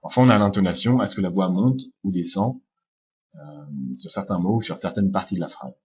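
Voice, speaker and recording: Low husky-voiced man teaching pronunciation. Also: lo-fi sound. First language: French. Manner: explains calmly, demonstrates English sounds slowly, frequent "euh" fillers. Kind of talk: slide-based lesson narration.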